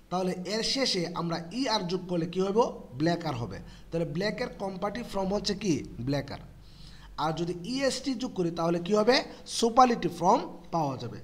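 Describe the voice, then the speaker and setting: A man. He works through the rules step by step, often pausing to ask his students a question and then answering it himself. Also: sits high, fairly bright tone. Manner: asks rhetorical questions and answers them, spells words letter by letter. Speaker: English grammar teacher. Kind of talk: explanatory lesson for students.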